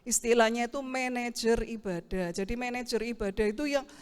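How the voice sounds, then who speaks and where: A middle-aged woman pastor preaches in an animated storytelling way, acting out the people she talks about. Her voice sits high for a woman. A long church-hall reverb trails after her words, picked up by a handheld mic. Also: fairly quick, clean tone. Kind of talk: sermon with acted anecdote.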